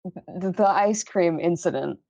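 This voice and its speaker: Woman tabletop game player; hesitant, halting casual chat. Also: on the low side, creaky, dark tone. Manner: hesitant, halting, laughs often.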